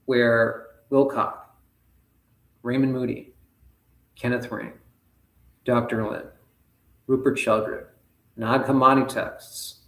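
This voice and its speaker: A man hosting a live spiritual talk, speaking in an earnest, halting, rambling way. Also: mid-range voice, little pitch movement, roomy sound. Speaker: spiritual livestream host.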